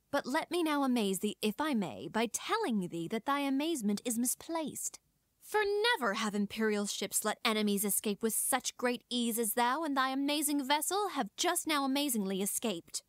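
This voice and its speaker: An actress playing a proud, sharp-tongued young rebel princess, speaking formal archaic verse in an audio drama. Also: female voice, on the high side, no echo, studio quality.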